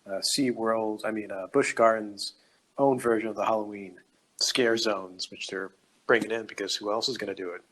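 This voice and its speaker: A man co-hosting a casual podcast, reading out news items in a steady, matter-of-fact way. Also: fairly low pitch, normal speed, rough recording. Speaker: podcast co-host.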